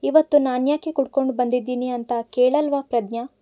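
A man's voice: extremely high pitch, steady tone, fairly quick, warm tone. A woman voicing a drunk, heartbroken man in his twenties who rambles and pleads like a child. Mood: sulky. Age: 20s. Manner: rambling, sulky, innocent pleading. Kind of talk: audiobook character voice.

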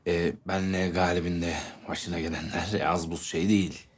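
A young man playing an earnest, wry young soldier in a TV series, deadpan and ironic, with faint music behind. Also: low voice, moderate pace, a little hiss or hum, close to an everyday voice. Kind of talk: TV series acting.

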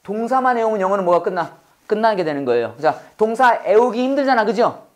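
Talking fast in a high voice, a man leads a Bible English class through call-and-repeat drills and quizzes. He's lively and chatty, laughing frequently as he goes.

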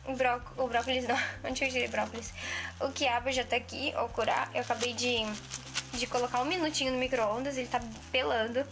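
On a low-quality recording, a woman in her twenties talks a little fast in a fairly high, steady voice. She's chatting through a home cooking vlog in her kitchen, hesitant and full of fillers and restarted sentences. A camera mic at arm's length picks up music playing under her voice and dishes clinking.

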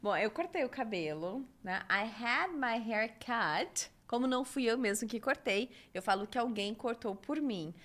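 A woman with a Brazilian Portuguese accent teaching an English lesson on a live stream, repeating model sentences slowly and reading out viewer comments. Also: fairly high pitch, animated.

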